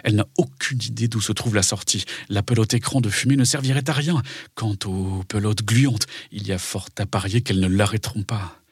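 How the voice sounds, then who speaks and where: A man with a lowish, very breathy and husky voice narrates a children's story. The delivery is scripted and dramatic, recorded close and dry. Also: steady tone, a little fast, no room sound.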